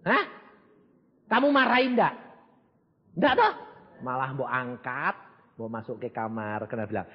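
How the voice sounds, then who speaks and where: A man's voice: medium pitch, very animated, unhurried, in a large hall, muffled recording. A man preaching a sermon in Indonesian with a Javanese accent, telling stories animatedly and acting out dialogues. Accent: Javanese-tinged Indonesian. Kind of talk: sermon with anecdotes.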